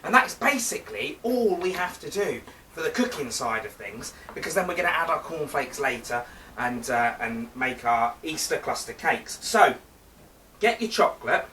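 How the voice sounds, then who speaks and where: A man's voice: a little high, lively intonation, normal speed, pushed and bright, roomy sound, recorded from a distance, a little hiss or hum. Chatty man hosting a kids' cooking show. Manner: chatty, playful, talks straight to children and teases a companion. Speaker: children's show presenter. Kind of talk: live cooking demonstration for kids. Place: theatre stage.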